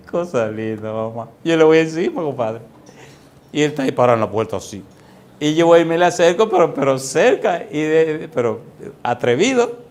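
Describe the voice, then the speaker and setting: A male pastor, telling a story in a sermon with lively, folksy, chuckling asides to the congregation. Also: fairly high pitch.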